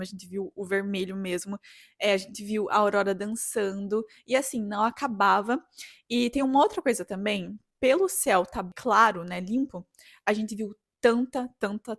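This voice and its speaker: Excitable young woman vlogger, dry close sound. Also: a little high, dry recording. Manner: animated, breaks into excited outbursts and laughs. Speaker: travel vlogger. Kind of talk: excited casual storytelling.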